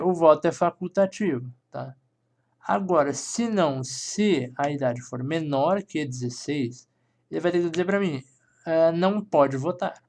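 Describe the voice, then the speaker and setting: Gravelly Brazilian man teaching code. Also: a little high, a little mellow. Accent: Brazilian Portuguese. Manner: thinks aloud while typing, with frequent checking "tá?". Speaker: programming instructor. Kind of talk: screencast coding lesson.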